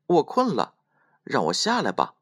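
A man's voice: medium pitch, wildly swooping pitch, moderate pace, a bit bright, breathy edge, dry recording, voice pushed up, full character voice. A tiny, clever storybook boy speaks in a raised, playful voice full of teasing bounce, as a man puts him on. The voice swings widely in tune while the recording stays close and dry. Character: tiny thumb-sized boy, clever and cheeky.

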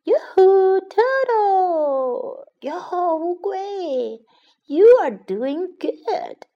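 A woman's voice: sits high, big pitch swings, slow, vocal fry, muffled recording, heavily acted. A woman voicing a friendly giraffe in a children's story, speaking in English and then in Chinese. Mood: cheering. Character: kind tall giraffe cheering the race.

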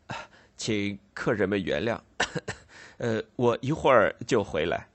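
A man's voice: on the low side, expressive, a little slow, dry recording. A man voicing a timid middle-aged shopkeeper who speaks hesitantly, apologizing with nervous little laughs. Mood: apologetic, flustered.

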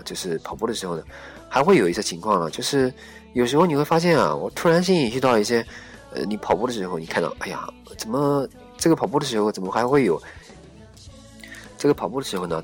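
Male podcast host, low voice, quick rambling delivery, faint music underneath. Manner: rambling, many fillers and restarts. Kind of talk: casual solo podcast talk.

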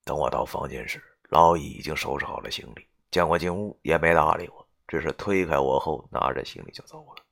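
A man narrating a novel in the first person in a gruff, coarse, swearing manner. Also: a bass voice, brisk, few pauses, a bit bright. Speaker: audiobook narrator.

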